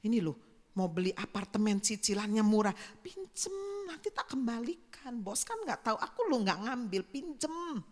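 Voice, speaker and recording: A woman's voice: fairly high pitch, very animated, normal speed. A woman pastor preaching a sermon, telling a story bluntly and acting out the dialogue. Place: church sanctuary. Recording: long reverb of a church hall.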